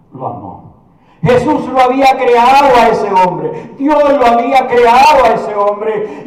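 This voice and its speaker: High voiced pastor man preaching slow, loud then hushed, distant echoey church sound. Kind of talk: sermon.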